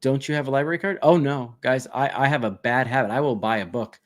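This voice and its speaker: During a relaxed livestream, a man reads viewer comments aloud and answers them in a fast, easygoing, chatty way. It's a casual live Q&A; he laughs often, and his voice sits at an ordinary middle pitch for a man.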